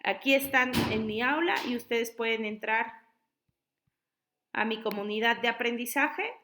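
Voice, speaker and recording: Tutor lady explaining spelling patiently over a video call, bit high voice. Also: unhurried, fairly bright tone, a little hiss or hum. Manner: patient, explanatory, addresses students directly. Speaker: online high school tutor. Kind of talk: online class on spelling.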